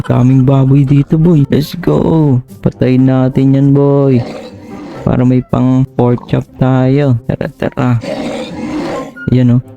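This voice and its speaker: A man giving chatty, excitable Minecraft let's-play commentary, often calling out to his viewers. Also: mid-range voice, vocal fry. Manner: chatty, keeps saying "boy" and "tara, tara", excitable. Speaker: gaming YouTuber. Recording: slightly dull lo-fi voice with game music behind.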